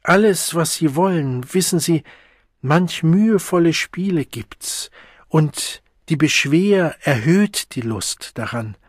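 A man's voice: fairly high pitch, animated, slow, husky, no echo, pitched above the performer's own voice, heavily acted. An earnest, lovesick young man pours out pleading, verse-quoting speeches, as a male narrator puts him on. The voice sits raised and impassioned with a slight huskiness. It is an audiobook recorded dry and close.

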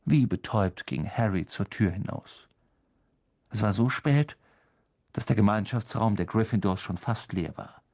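A man reading an audiobook aloud in a calm, expressive way. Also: fairly low pitch, measured pace. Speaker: audiobook reader. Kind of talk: audiobook narration.

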